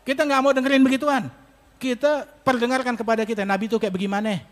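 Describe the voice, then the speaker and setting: A male preacher, giving a sermon and telling stories with lively acted-out dialogue. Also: very high voice, quick pace. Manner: storytelling, acts out dialogue with rising emphasis. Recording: long hall reverb.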